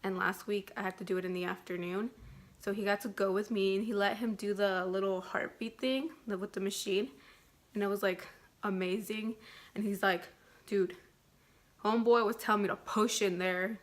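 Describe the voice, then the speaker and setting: A woman's voice: medium pitch, flat delivery, moderate pace. Woman vlogging, just chatting and rambling, says like every other word, normal mid voice. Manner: rambling, fills speech with "like". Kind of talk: casual pregnancy update vlog.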